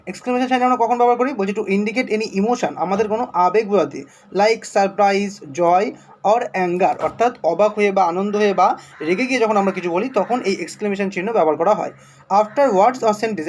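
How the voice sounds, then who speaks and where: A man's voice: sits high, slight background noise. Bengali-accented man teaching punctuation. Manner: reads English examples slowly, then explains in Bengali. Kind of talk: explaining a primary school English lesson.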